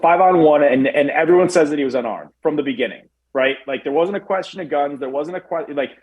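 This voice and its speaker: A man's voice: a little high, fast talker, slightly rough, highs cut off. A man talking casually on a talk show, telling stories with lots of fillers and acting out what people said. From Chicago area. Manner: animated storytelling with acted-out quotes, many fillers. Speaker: guest commentator.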